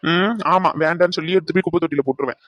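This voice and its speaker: A woman's voice: on the low side, very fast, dry recording, dull audio, lightly acted. A woman voicing a playful, affectionate young husband in a cartoon, teasing his pregnant wife with fond scolding. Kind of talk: cartoon voice acting.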